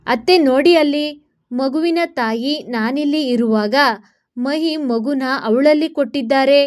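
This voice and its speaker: A jealous young wife who fakes her tears, voiced by a woman narrator. Her high voice pleads shrilly and theatrically, like a storybook melodrama. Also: a little slow, a little mellow. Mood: melodramatic.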